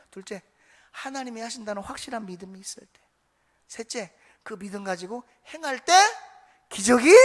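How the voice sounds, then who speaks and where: A man's voice: extremely high pitch, fairly bright tone. A man preaching a Sunday sermon as pastor, telling a story and acting out quoted voices, asking the congregation rhetorical questions. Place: church sanctuary. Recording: long church reverb.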